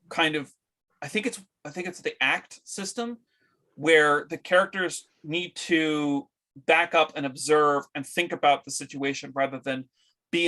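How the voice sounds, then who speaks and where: A man who ran a tabletop game, talking it over casually in a group discussion, halting with many restarts. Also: on the high side, pushed and bright. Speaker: game master.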